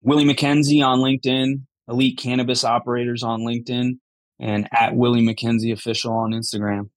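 Speaking briskly and flatly in a mid-range voice, this cannabis entrepreneur is a guest on a podcast, giving blunt, candid answers in a conversational way and cursing casually. The audio has no room sound.

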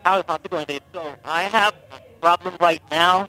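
A man calling in to a radio show over a buzzy, glitchy phone line that keeps breaking up, asking his question haltingly with ums. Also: high voice, bright, forceful tone. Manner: halting, searching for words with ums. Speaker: caller.

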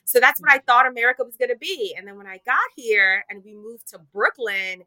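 A woman's voice: fairly high pitch, brisk, bright, forceful tone, dry recording, poor audio. A woman in her thirties from Zimbabwe, a TV host who is a guest on a podcast, telling stories with playful, self-mocking humor. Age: 30s. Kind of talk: casual interview chat.

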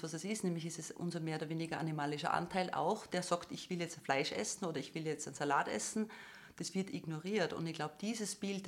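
Lower-pitched woman explaining at length. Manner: explains at length, quotes parents and children in asides. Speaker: guest expert on body image and eating. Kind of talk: earnest conversational discussion.

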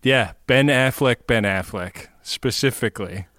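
Smooth-voiced man in dry, casual chat. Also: medium pitch, unhurried, fairly bright tone, no echo. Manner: joking, laughs often, retells scenes with playful voices. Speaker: podcast co-host. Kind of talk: casual chat recapping a TV episode.

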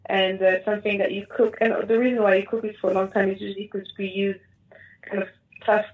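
A woman with a North African accent answering interview questions in a conversational, explanatory way, often pausing and repeating words as she thinks. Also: mid-range voice, little pitch movement. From Morocco. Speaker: interview guest, Moroccan food cook. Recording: thin, phone-like call audio.

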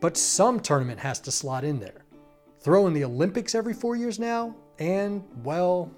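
A male reporter narrates a sports feature in a steady, scripted read. His voice sits a little high for a man, with faint guitar music playing underneath. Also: normal speed.

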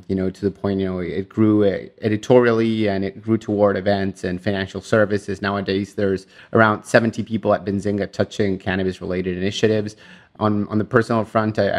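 Guy from argentina, lots of "you know", friendly, lowish voice. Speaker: guest, media executive. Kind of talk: interview conversation.

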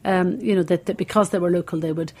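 A woman's voice: on the low side, steady tone, fast, mellow. An older woman with an Irish accent, a cookery school founder and guest, telling long stories in a rambling way with many fillers. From Ireland. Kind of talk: interview, telling a story.

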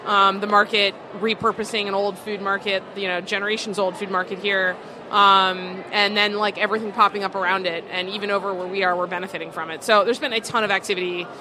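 A woman's voice: medium pitch, little pitch movement, fast talker. A woman who co-owns a distillery, answering interview questions in a casual, filler-heavy way at a busy food market. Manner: chatty, full of "like" and "um" fillers. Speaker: distillery co-owner. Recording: noisy market background.

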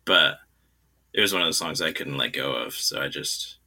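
A man's voice: very deep voice, lively intonation, normal speed, creaky, bright, forceful tone. A young man from New Zealand who grew up in China, a guest musician chatting casually in an interview, hesitant and rambling with many fillers. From New Zealand, raised in China.

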